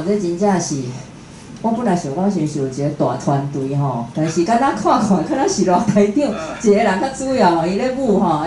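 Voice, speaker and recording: Hosting a live talk event indoors, a Taiwanese-accented woman gives an informal introduction of the guest speaker. Her mid-range voice has a darkish tone, and the recording carries room echo and faint noise.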